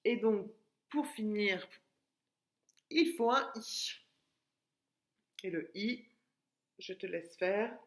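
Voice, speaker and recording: A woman preschool teacher records a lesson from home, talking slowly and deliberately. She draws out each word and encourages the small children listening. The sound is roomy and echoey. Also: medium pitch. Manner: slow, deliberate, encouraging, stretching out words. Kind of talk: remote lesson for young children. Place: home, washing machine running.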